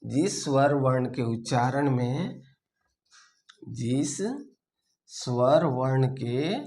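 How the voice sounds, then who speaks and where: A man teaching a lesson, slowly dictating notes, repeating phrases and checking in with his students. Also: medium pitch, steady tone, darkish tone. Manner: slow and deliberate, repeats phrases for dictation, ends points with "theek hai". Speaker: Sanskrit teacher.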